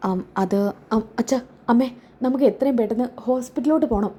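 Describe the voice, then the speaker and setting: A nervous young man stumbles over his words with halting starts, as a woman plays him. His voice comes out soft and mellow, pitched rather high. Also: slightly rough, muffled recording. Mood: hesitant. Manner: hesitant, stammering. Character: nervous young man breaking bad news.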